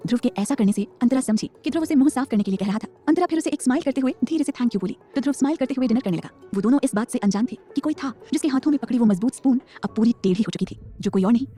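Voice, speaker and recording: A woman narrating a romance audio story with rapid, dramatic storytelling. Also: fairly high pitch, lively intonation, dark tone, breathy edge.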